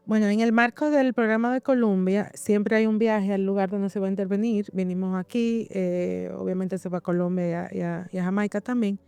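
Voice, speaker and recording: A woman's voice: mid-range voice, steady tone, a little fast, hardly any pauses, darkish tone, clean tone, no echo. A woman instructor, talking conversationally and often searching for words as she explains academic work. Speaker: university instructor.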